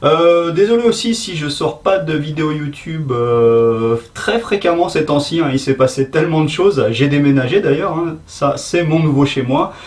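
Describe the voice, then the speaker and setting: A man's voice: on the high side, moderate pace, few pauses. A man with an English accent speaking at home in a chatty, enthusiastic vlog review, with frequent hesitations. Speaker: YouTuber reviewing a film. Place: his home in Tokyo.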